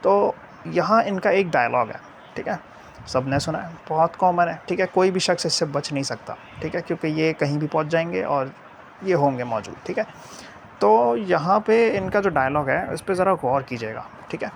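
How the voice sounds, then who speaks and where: Gravelly man explaining a lesson. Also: fairly high pitch, expressive, moderate pace, a little hiss or hum. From Pakistan. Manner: explanatory, repeats "theek hai" after nearly every phrase. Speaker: English teacher. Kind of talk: video lesson, mixing Urdu and English.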